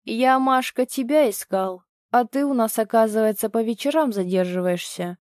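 A woman voicing a cowardly, sneering ex-husband in an audiobook, with a drawn-out mocking delivery. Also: on the high side, darkish tone, no echo, clean studio sound, close to an everyday voice. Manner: drawling, sneering.

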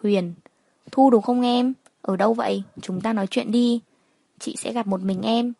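A woman's voice: fairly high pitch, normal speed, gravelly, dark tone, no room sound. A woman playing a hesitant, apologetic rival.

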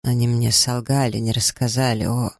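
Man reading a pleading, remorseful gentleman. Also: medium pitch, flat delivery, normal speed, creaky, no echo, studio quality. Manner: pleading, apologetic. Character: remorseful young gentleman suitor. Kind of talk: audiobook character reading.

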